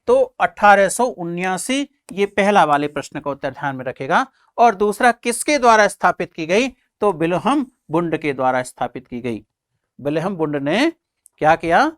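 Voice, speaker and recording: A man's voice: fairly high pitch, dry recording, studio quality. A male teacher giving an exam-prep lecture, who keeps posing questions and answering them himself, repeating the key points and calling his listeners friends and children.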